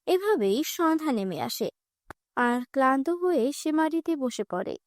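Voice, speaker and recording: In a high, clear voice, a woman narrates a children's cartoon fairy tale with even storytelling at a normal speed. The recording is dry and close.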